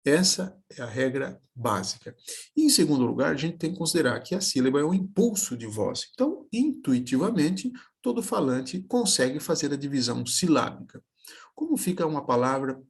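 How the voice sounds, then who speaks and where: Gravelly, husky male teacher. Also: a little high, sing-song. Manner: slow, careful, spelling words out syllable by syllable. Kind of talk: video lesson explaining with examples.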